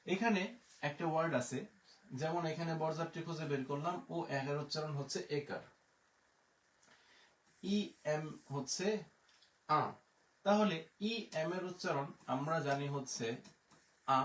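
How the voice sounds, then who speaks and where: Man teaching a live pronunciation lesson, patient letter-by-letter spelling, picked up from across a reverberant room. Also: a little high. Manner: spells words out letter by letter, slow repeated pronunciations. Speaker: French teacher. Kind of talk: live online language lesson. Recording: echoey room, distant mic.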